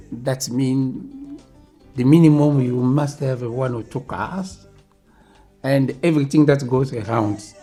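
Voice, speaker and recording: A man from the Democratic Republic of Congo, telling his own story in an interview, halting often with ums and restarts. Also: mid-range voice, mellow. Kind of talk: recorded interview.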